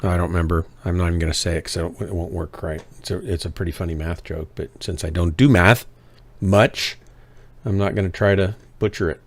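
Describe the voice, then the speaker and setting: A man's voice: low voice, fairly even intonation, brisk. A man hosting a live game stream, chatting casually in a joking, drily teasing way. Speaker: streamer and host.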